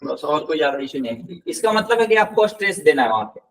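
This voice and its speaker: A man teaching a live language class, patiently repeating words slowly and quizzing his students. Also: fairly high pitch, big pitch swings, fairly bright tone. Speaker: Spanish tutor. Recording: voice somewhat distant from the mic.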